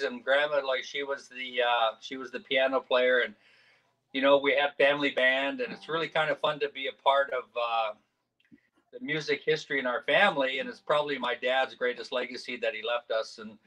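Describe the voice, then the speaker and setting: A man's voice: mid-range voice, fairly even intonation, normal speed, pushed and bright, soft background music, poor audio. A man from Saskatchewan, Canada, joining a video call by phone and telling a rambling, self-deprecating story in a jovial, casual way. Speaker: guest performer.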